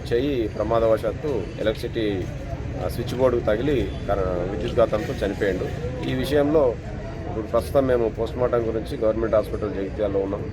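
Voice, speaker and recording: A police officer, a man, giving a plain, halting official account of a case to reporters outside a hospital. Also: lowish voice, a crowd in the background. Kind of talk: on-the-spot statement to reporters. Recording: noisy outdoor street recording.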